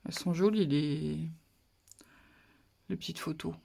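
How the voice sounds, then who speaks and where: A papercraft channel host chatting casually through a haul of paper pads, relaxed and hesitant. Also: mid-range voice, a little slow, vocal fry. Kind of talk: casual haul show-and-tell.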